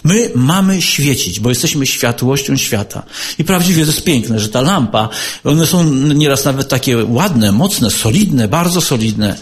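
Animated man preaching, repetitive questions. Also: mid-range voice, unhurried. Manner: repeats rhetorical questions, swings between loud and soft; earnest, exhorting. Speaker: lay preacher. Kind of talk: sermon.

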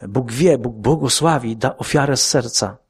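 A man preaching an earnest sermon to his congregation, asking rhetorical questions and dropping his voice low for quoted words. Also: moderate pace, husky.

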